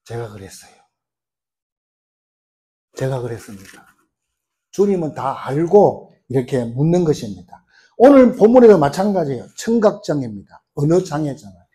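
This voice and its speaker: A middle-aged man preaches a sermon with plenty of rhetorical questions and quick acted-out quotes. His voice sits a little high for a man, but the tone is mellow and warm. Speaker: pastor.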